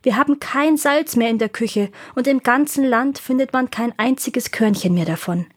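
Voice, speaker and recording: A woman's voice: high voice, moderate pace, no echo, clean studio sound, voice pushed up. A woman reading a worried, servile male cook reporting bad news to a king. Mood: anxious.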